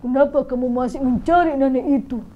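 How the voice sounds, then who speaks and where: A woman voicing a nosy female neighbor who questions in an emphatic, drawn-out way, on muffled radio audio. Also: sits high, steady tone, natural voice.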